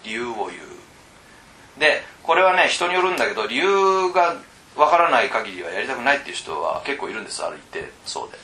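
A man training teachers in a casual lecture, chatting with the room, asking questions and swinging between loud and hushed. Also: medium pitch, big pitch swings, brisk. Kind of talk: lecture to tutors. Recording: roomy echo.

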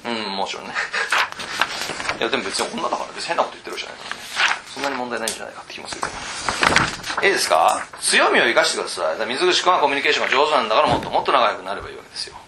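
A man coaching cram school teachers in a casual lecture, teasing them bluntly and often pausing to ask whether they follow. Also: medium pitch, sing-song, heavy background noise. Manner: keeps checking in with rhetorical asides.

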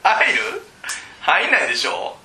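A man training teachers in a casual lecture, chatting with the room, asking questions and swinging between loud and hushed. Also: high voice, wildly swooping pitch, measured pace. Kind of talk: lecture to tutors. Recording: roomy echo.

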